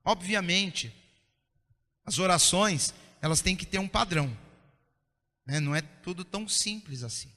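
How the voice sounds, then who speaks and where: A man preaching a sermon as pastor, impassioned and often dropping to soft, intense tones. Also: high voice, a little slow, long pauses. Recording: long reverb of a church hall.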